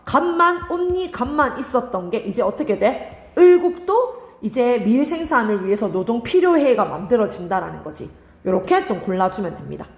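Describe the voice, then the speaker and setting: A woman's voice: a little high, big pitch swings, normal speed, reverberant. A young woman teaching an exam-prep lesson, asking her students questions and answering them herself. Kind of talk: online exam-prep lecture.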